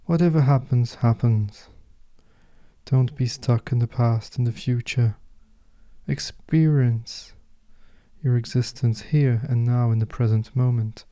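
Very mellow, soft-voiced man guiding meditation. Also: mid-range voice. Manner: soft, slow, soothing delivery. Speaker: meditation podcast host and guide. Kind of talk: guided meditation narration.

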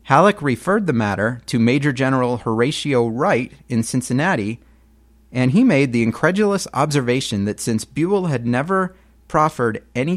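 A man narrating history like a story told to friends, casual and blunt with emphatic turns. His voice sits at an ordinary middle pitch. The sound is dry and close, with no room around it. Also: no echo.

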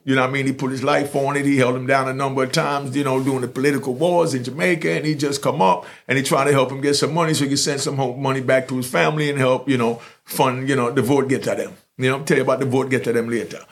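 He's a fast talker with a medium-pitched, steady voice and few pauses. The man, a storyteller host from New York, tells a drawn-out street story casually, rambling and often restarting amid many fillers.

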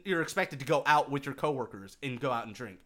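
A man co-hosting a podcast in casual chat, animated and swearing, laughing often. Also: mid-range voice, fast talker. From Japan. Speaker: podcast co-host.

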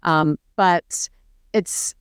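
Relaxed woman chef host with a resonant, low-pitched voice. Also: extremely slow, smooth, no echo, studio quality. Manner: relaxed, laughs between phrases. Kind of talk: casual interview chat.

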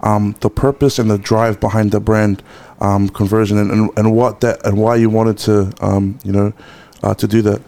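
Low-voiced podcast host, hesitant. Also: male voice, flat delivery, moderate pace, vocal fry, dark tone. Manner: hesitant, lots of fillers, friendly slang. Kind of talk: casual chat.

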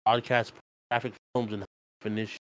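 A man's voice: on the low side, little pitch movement, fairly quick. A man co-hosting a casual podcast over a voice call, reading aloud while his audio glitches and keeps cutting out. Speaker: podcast co-host. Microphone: computer mic on a voice call.

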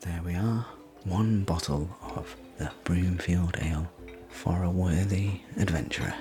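Man playing a hospitable fantasy innkeeper, soft deep whisper, gently rambling, bedtime story. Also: measured pace, over music. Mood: chatty. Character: friendly male innkeeper of a fantasy tavern. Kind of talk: whispered ASMR sleep story roleplay.

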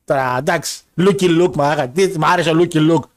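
Casting: young male podcast co-host, slightly higher voice, loose, rambling, laughs easily. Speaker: podcast co-host reading listener messages. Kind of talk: casual banter about wrestling and football.

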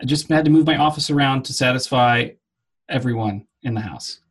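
A man's voice: medium pitch, fairly quick, husky. A man co-hosting a podcast in casual chat, recorded in an echoey room at home that sounds like a cave. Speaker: podcast co-host.

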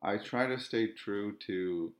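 A podcast host from Ontario delivers a monologue in a lowish voice. He calls his own delivery monotone, and it comes across flat, with measured, repetitive phrasing.

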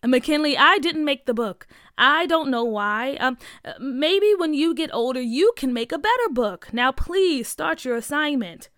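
A woman's voice: high voice, lively intonation, measured pace, few pauses, fairly bright tone, no room sound, studio quality. A woman voicing a hesitant schoolteacher who stumbles over fillers and grows impatient, in a storybook reading. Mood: annoyed.

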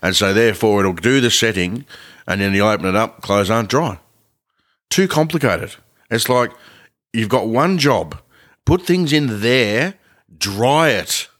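A man's voice: on the low side, expressive, a little slow, fairly bright tone. A man co-hosting a podcast, rambling casually with swearing and laughter while eating. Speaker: podcast co-host. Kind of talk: casual banter with a co-host.

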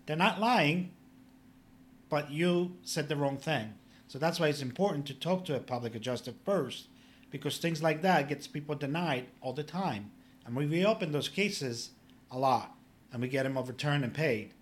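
A public adjuster from Poland, whose first language is Polish, appears as a guest on a casual podcast interview. He explains things plainly and instructively, dropping in "you know" as filler, with a fairly high, animated voice at a normal speed.

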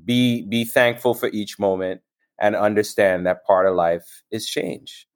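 A man co-hosting a podcast, chatting in an animated, excitable way that turns reflective. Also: lowish voice, measured pace, clean tone. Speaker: podcast co-host. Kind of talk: casual podcast chat.

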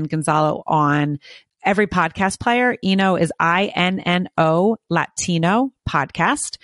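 A woman's voice: low-pitched, dry recording. A woman hosting a podcast, introducing a guest and promoting her storytelling consulting with upbeat enthusiasm.

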